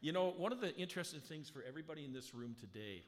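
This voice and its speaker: A pastor preaches from the pulpit of a church sanctuary, speaking conversationally with the congregation and asking rhetorical questions, then slowing right down to read scripture aloud with emphasis. His strong, fairly high-pitched voice is animated, picked up by a handheld or stand mic with sound adjusted live. There's a long hall reverb and heavy background noise.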